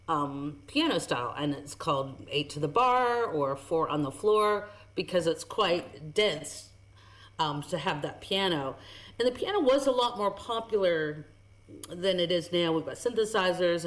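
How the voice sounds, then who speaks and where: A woman guest on a radio show, lively and explanatory as she talks through music, chuckling now and then. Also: low-pitched. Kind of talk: radio chat. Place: radio studio.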